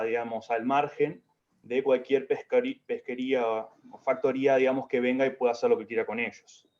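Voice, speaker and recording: A young Uruguayan man lays out his points on an online panel in a measured way, with pauses and fillers. His mellow voice comes through dull, lo-fi video-call audio. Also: mid-range voice. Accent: Uruguayan Spanish. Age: young adult. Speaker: youth party activist panelist.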